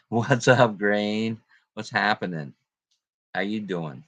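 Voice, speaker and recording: A man's voice: lowish voice, slow, fairly bright tone, no echo. A man hosting a casual livestream, greeting viewers and chatting in a laid-back way with plenty of fillers and laughs. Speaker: livestream host.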